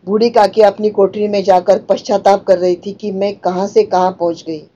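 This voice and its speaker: A woman's voice: mid-range voice, steady tone, normal speed, dark tone, muffled recording. A woman teacher reading out a story and explaining each line in simpler words.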